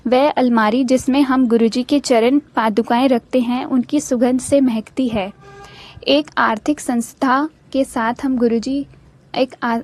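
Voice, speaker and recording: A woman reading a devotee's first-person testimony aloud in a steady, reverent way, with small restarts now and then. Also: fairly high pitch. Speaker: devotional channel narrator.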